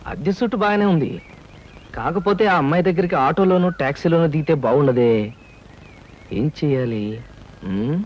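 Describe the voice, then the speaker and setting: An actor playing a cunning male freeloader who cracks cheeky deadpan jokes and groans theatrically. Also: on the high side, moderate pace, pauses often, lightly acted. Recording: dull lo-fi film audio with music.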